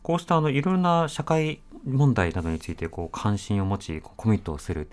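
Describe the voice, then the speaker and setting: A man's voice: fairly low pitch, steady tone, brisk, a little mellow. A man hosting a radio interview, asking probing questions and giving frequent short backchannels. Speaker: radio host.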